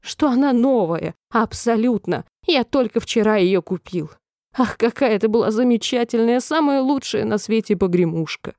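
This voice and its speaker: A woman voicing an excitable, hot-tempered little twin boy in a storybook reading, speaking emphatically in exclamations. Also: mid-range voice, normal speed, few pauses, dry recording, studio quality, natural voice.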